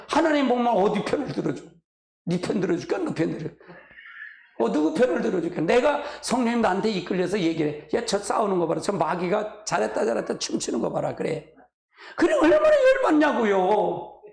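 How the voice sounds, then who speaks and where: A male pastor preaches with a gravelly, rough-edged voice that swings widely up and down in pitch. His delivery is colloquial and emotional, full of sighing exclamations. The sound reverberates around an echoey church hall. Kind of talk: sermon. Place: church sanctuary.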